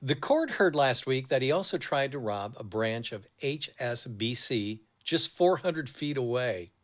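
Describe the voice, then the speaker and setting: A man's voice: mid-range voice, animated, unhurried. A man co-hosting a podcast, reading odd crime news stories aloud and laughing often. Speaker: podcast co-host.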